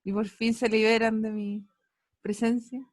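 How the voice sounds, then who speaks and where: Woman teacher, slow unhurried talk, higher voice, playful questions, video call mic. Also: little pitch movement, no echo, clean studio sound. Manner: playful, teasing students, asks many questions. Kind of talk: online class lesson. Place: home, online class. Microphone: computer mic on a video call.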